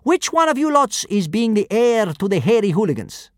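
A man's voice: sits high, big pitch swings, moderate pace, no room sound, clean studio sound, voice pushed up. A man voicing a burly male Roman thug in disguise who speaks in broken, garbled sentences. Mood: menacing. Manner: shouty, garbled grammar.

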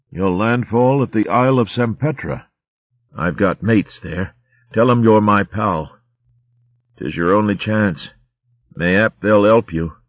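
A man voicing a dying female corsair ferret who talks in rough sailor slang, faint and weak. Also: lowish voice, no echo, lo-fi sound, pitched above the performer's own voice. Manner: coarse seafaring slang, weak and fading.

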